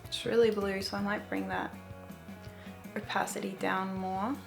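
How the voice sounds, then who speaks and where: Woman w creaky voice kinda mumbling thru her edit steps, hesitant n repeating words, slow, music behind. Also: medium pitch, level tone. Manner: hesitant, thinking aloud, often repeating words. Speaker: photo editing tutorial host. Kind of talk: casual think-aloud screen tutorial.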